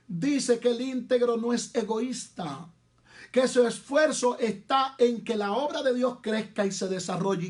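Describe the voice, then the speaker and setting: A man with a Dominican accent preaching a sermon as pastor, emphatic, repeating phrases and slowing down to stress words. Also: sits high, darkish tone. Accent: Dominican Spanish. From Dominican Republic.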